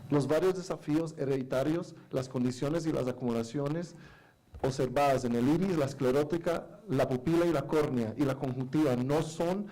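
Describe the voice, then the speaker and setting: A man's voice: fairly high pitch, moderate pace, warm tone, poor audio. A man working as a consecutive interpreter at a lecture, rephrasing hesitantly as he goes.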